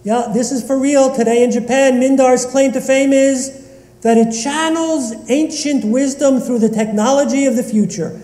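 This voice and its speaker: A man's voice: extremely high pitch, fairly even intonation, normal speed, warm tone. A man from Northeast Philadelphia giving a sermon as a rabbi, joking and bantering with his congregation in a synagogue sanctuary. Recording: echoey hall reverb.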